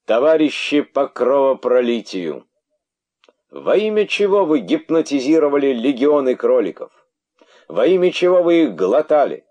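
A man reading aloud as an old, pompous python king who declaims his outrage loudly and theatrically. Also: high-pitched, clear, resonant tone, pitched above the performer's own voice.

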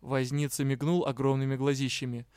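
A man's voice: medium pitch, little pitch movement, a little fast, darkish tone, smooth, no echo, clean studio sound. A man reading a humorous fantasy novel aloud as its narrator. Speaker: audiobook reader.

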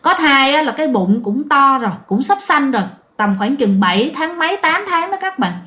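A woman's voice: sits high, lively intonation, normal speed, bright, forceful tone. A woman telling a ghost story in a casual, chatty way, talking straight to her listeners. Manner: chatty, addresses listeners directly, acts out quotes.

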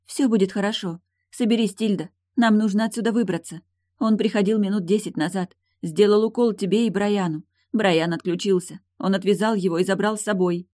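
A woman's voice: medium pitch, fairly even intonation, fairly quick, a little mellow, no room sound, clean studio sound, pitched above the performer's own voice, natural voice. Woman voicing an urgent, comforting young woman. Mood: urgent soothing. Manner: pleading, raised and insistent.

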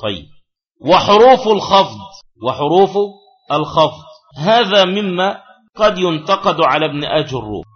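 A man's voice: on the high side, very animated, moderate pace, long pauses, lo-fi sound. A man teaching a classical grammar lesson, who repeats key phrases and puts questions to his students.

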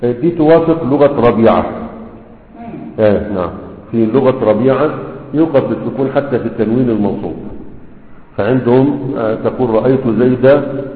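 A man leads a classroom lesson, reading out a text and then patiently unpacking it. He keeps pausing to check that his students are following. His voice comes through thin and phone-like, with a long echo around it as if recorded in a big hall. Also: mid-range voice, animated. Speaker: sheikh teaching Arabic morphology. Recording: tinny, phone-like sound in a long echoing hall.

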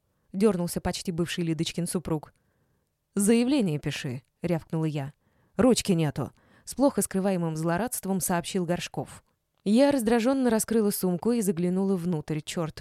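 Low-voiced woman reading an audiobook. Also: moderate pace, no room sound, studio quality. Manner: first-person telling with sharp voiced retorts. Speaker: audiobook narrator. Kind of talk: scripted narration.

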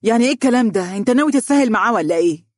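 A man voicing an insistent, sharp-tongued middle-aged mother with an Egyptian accent. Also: on the low side, steady tone, fast talker, dry recording, clean studio sound, close to an everyday voice. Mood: angry. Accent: Egyptian Arabic.

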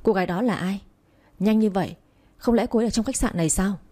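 A clingy, jealous young woman, as the woman narrator voices her, pressing with demands and pleas. The tone is warm and mellow, at a middle pitch. She is a figure in a read-aloud romance story. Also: fast talker, natural voice. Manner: pleading, demanding.

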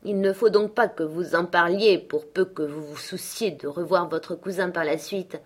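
A woman's voice: on the low side, steady tone, moderate pace, slightly rough. A woman reading as a sardonic, bitter older man. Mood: confiding. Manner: curt and sardonic. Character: bitter scornful middle-aged man, gruff landlord. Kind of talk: audiobook character reading.

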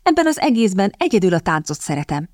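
A woman's voice: medium pitch, big pitch swings, a little mellow, no room sound, clean studio sound, natural voice. A woman voicing a dreamy, naive younger sister who speaks plaintively, in an audiobook. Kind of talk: audiobook character voice.

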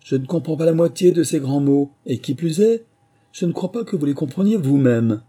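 A man's voice: on the high side, normal speed, dark tone, husky, voice pushed up. A man voicing a cheeky blunt eaglet. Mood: mocking. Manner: blunt, mocking.

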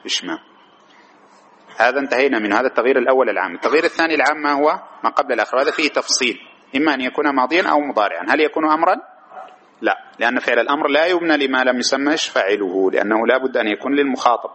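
A man teaching a grammar lesson. He keeps posing quick rhetorical questions to his students and then answering them himself. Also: medium pitch, fairly bright tone, slight background noise.

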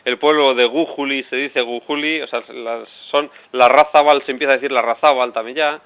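Fast-talking man explaining on local radio. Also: mid-range voice, fairly even intonation, smooth. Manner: explanatory, rambling with restarts. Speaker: radio guest. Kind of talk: radio interview. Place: radio studio. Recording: dull lo-fi radio audio.

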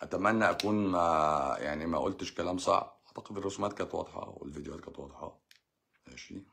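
A man's voice: sits low, rapid-fire, gravelly, a bit bright. A middle-aged man with an Egyptian accent, a doctor hosting a live-stream Q&A. He talks in a blunt, sarcastic way and mocks the comments he reads. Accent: Egyptian Arabic.

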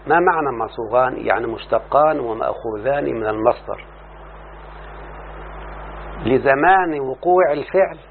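A man's voice: mid-range voice, expressive, creaky. Egyptian man teaching a grammar class. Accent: Egyptian Arabic. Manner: explains slowly, often asks the class "yes, sheikh?". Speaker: teacher of Arabic morphology. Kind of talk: classroom lesson. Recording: tinny lo-fi line with faint hum.

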